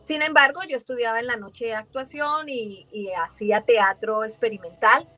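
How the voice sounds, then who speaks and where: A voice actress from Valle del Cauca in Colombia with a Colombian accent, chatting in an interview and telling her story in a lively way, acting out the voices she quotes. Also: a little high, moderate pace. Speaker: voice actress guest. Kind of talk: casual interview chat.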